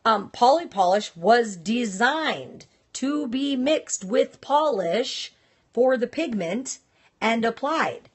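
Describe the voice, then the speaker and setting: Woman, live-stream host, casual talk, direct and chatty, somewhat high voice. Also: animated, slow pace, breathy edge. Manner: chatty and direct, reacting to viewers.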